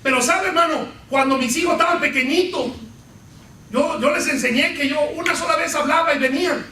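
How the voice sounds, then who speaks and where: Venezuelan pastor guy, really high bright voice, funny storytelling sermon, far off in a big echoey church. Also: brisk, a little hiss or hum. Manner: animated preaching with humorous anecdotes. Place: church sanctuary.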